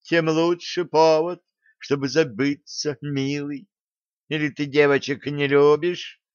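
A bold, sharp-tongued young woman soldier, as a male reader puts her on, raised a little higher than a plain reading voice. She teases and snaps in turn. The audiobook recording is dry and slightly dull. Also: flat delivery, takes it slowly, clear, resonant tone, no room sound. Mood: teasing. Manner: teasing and combative.

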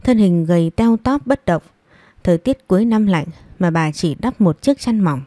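A woman reading a family story aloud in an even storytelling manner. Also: lowish voice, moderate pace, dry recording, clean studio sound. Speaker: story narrator. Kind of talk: scripted narration.

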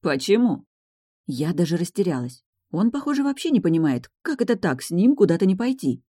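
Low, dark-voiced woman narrating a novel. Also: big pitch swings, quick pace, breathy edge, no room sound, clean studio sound. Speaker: audiobook narrator. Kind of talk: first-person audiobook narration.

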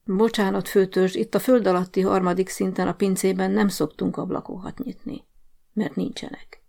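A woman's voice: medium pitch, little pitch movement, gravelly, dark tone, natural voice. A woman doing a weary prison guard, muttering. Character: weary, put-upon male prison guard.

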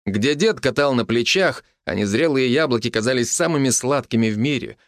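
A male narrator reads an audiobook at a measured, steady pace. His voice sits in a middle range. The recording is close and dry. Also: medium pitch, dry recording. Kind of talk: scripted narration.

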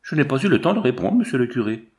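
A man's voice: medium pitch, big pitch swings, quick pace, darkish tone, lightly acted. A man reading aloud, voicing a timid young bride who pleads in a trembling voice. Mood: pleading.

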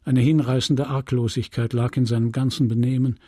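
A man narrating a literary audiobook in a calm, measured, intimate way, recorded close to the mic. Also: mid-range voice, slightly rough, no room sound. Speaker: audiobook reader.

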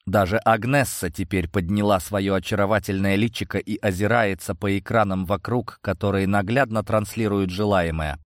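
A man narrating a science-fiction audiobook in first person, measured and steady. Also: on the low side, no room sound, studio quality.

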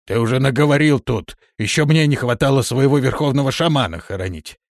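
A man voicing an old, gruff male orc khan who talks in a drawn-out, deliberate way. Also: mid-range voice, no room sound, clean studio sound, pitched above the performer's own voice, close to an everyday voice.

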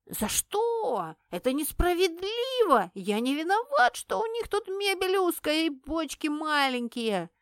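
A woman voicing a tipsy, cheeky little male imp familiar who hiccups and drawls slowly in an audiobook. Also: medium pitch, expressive, dry recording, studio quality. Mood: indignant.

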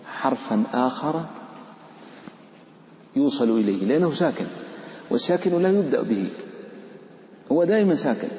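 Heard in a dull, echoey hall recording with slight hiss or hum, a man with a mellow, medium-pitched voice teaches Quran recitation rules as a sheikh. He chats through the material with his students, tests them with questions, and voices the letters as characters.

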